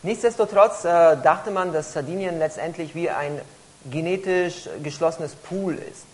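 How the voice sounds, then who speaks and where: A woman interpreting a talk phrase by phrase, often pausing and hesitating as she searches for words. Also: lowish voice, a little mellow, poor audio. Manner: frequent hesitations while rendering each phrase. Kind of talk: consecutive interpreting into German.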